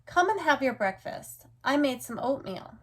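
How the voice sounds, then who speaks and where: Woman reading as a caring storybook mother, higher-pitched. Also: sing-song, normal speed. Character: caring, gently bustling mother of young boy.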